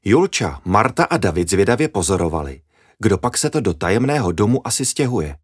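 A man reading a children's story aloud in a lively, expressive way. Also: on the low side, husky, no echo, studio quality.

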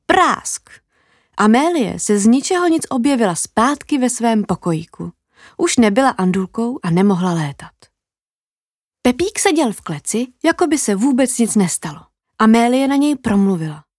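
A woman narrating a children's fairy tale in an expressive, lively storytelling manner with dramatic pauses. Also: on the high side, dry recording, studio quality.

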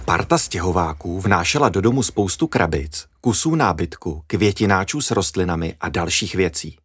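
A man reading a children's story aloud in a lively, expressive way. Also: low voice, slightly rough, no room sound.

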